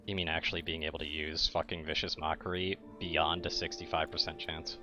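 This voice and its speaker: A man's voice: extremely low pitch, little pitch movement, fairly quick, over music. A young man playing a co-op game, chatting casually, swearing and arguing about rules. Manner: argumentative, swears a lot, pedantic about rules. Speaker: co-op gamer. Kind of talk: casual gaming chat.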